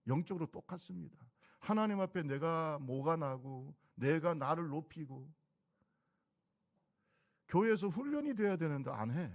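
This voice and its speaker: A man's voice: mid-range voice, darkish tone. A middle-aged man preaching a sermon as pastor of his church, talking in a conversational way and firing rhetorical questions at the congregation. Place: church sanctuary.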